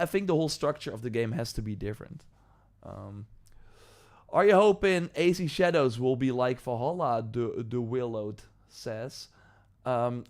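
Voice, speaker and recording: This male live-streamer has a medium-pitched, darkish voice and a Dutch accent, being a native Dutch speaker. In casual stream talk he reads out chat comments and rambles loosely, filling gaps with many ums and likes.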